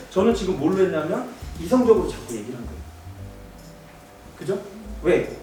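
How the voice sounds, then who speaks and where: A man lecturing teachers in a large echoing basement hall, heard from a distance with faint music behind him. His pitch leaps and falls as he acts out quick dialogues. He fires questions at his audience. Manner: animated, acts out students and teachers in quick voices, asks the room questions. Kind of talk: lively workshop lecture with acted student quotes.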